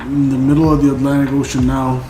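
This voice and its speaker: A man's voice: mid-range voice, monotone, fast, reverberant, music in the background, low-quality recording. A man giving casual running commentary as a flight sim streamer, thinking aloud and reading out figures. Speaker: flight simulator live streamer.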